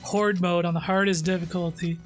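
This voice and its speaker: A man's voice: high-pitched, little pitch movement, fairly quick, soft background music. A man hosting a casual co-op gameplay stream from home, joking and swearing as he talks. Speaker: streamer host.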